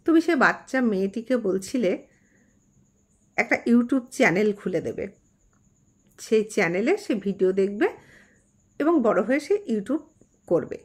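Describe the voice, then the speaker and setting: A woman's voice: mid-range voice, expressive, a little slow, pauses often, breathy edge. A woman astrologer hosting her own channel, earnestly admonishing someone she calls mother in a direct-address vlog.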